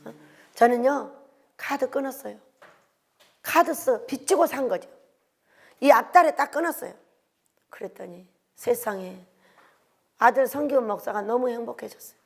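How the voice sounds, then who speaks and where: An older woman delivers an emotional sermon in a high voice with a gravelly edge of vocal fry. She swings from loud exhortation to hushed, breathy whispers. She keeps turning to the congregation with rhetorical questions. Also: normal speed, pauses often. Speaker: preacher.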